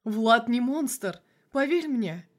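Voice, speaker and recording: A woman voicing a calm, soothing older male friend in a storybook reading, speaking deliberately. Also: a little high.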